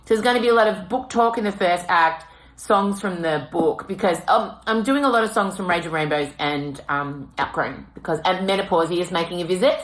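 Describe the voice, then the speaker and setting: Sassy Australian woman with a cough-worn low voice. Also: a little fast, hardly any pauses. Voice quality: husky drag-queen-like voice, damaged from coughing. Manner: sassy, theatrical, emphatic. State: voice damaged by weeks of coughing. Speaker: podcast host, singing performer. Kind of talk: casual chat. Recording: echoey room.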